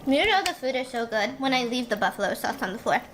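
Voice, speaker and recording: A woman's voice: fairly high pitch, animated, fast talker, fairly bright tone, a little hiss or hum. A woman vlogger chatting casually while eating, then rambling into a true-crime story with lots of asides.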